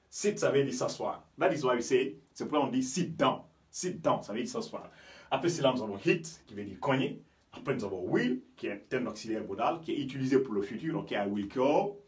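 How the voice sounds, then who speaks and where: A man from Guinea teaching English pronunciation, explaining word by word and often asking if the listener understands. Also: mid-range voice. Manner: explains slowly, checks understanding with "you understand me?"; switches between French and English. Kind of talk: pronunciation lesson.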